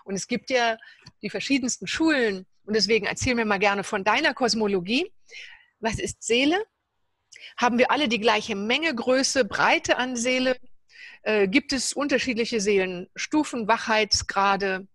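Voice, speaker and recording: A woman's voice: fairly high pitch, normal speed, a bit bright, no room sound. A woman host reflecting at length and asking her guest thoughtful questions. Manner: thoughtful, asks in long reflective runs. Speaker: interviewer, host. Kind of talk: spiritual interview conversation.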